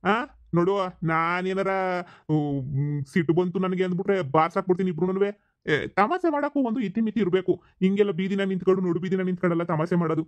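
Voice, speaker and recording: A man's voice: high voice, fairly quick, dry recording, natural voice. A man playing a bewildered, scolding village father who has forgotten his family, in a comedy skit. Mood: puzzled, scolding. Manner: scolding, incredulous, rambling.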